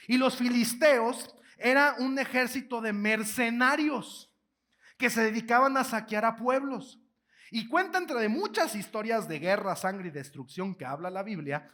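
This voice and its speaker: A Mexican man giving a motivational keynote with a very high, bright, forceful voice. He retells a story in an animated, joking way full of casual slang, and keeps the energy up throughout. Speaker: keynote speaker.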